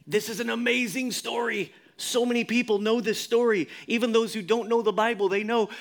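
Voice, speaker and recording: A man preaching a sermon as pastor, expressive, often dropping to a low hush for emphasis and leading the congregation in responses. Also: fairly quick.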